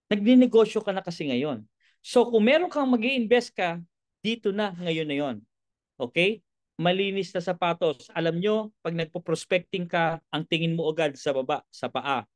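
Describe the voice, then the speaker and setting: A man's voice: high voice, no echo, clean studio sound. A man giving a motivational sales seminar, joking with the room and asking one rhetorical question after another. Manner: lively, joking, keeps asking "bakit?" and "di ba?"; jumps between loud lines and quiet asides. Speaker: business trainer.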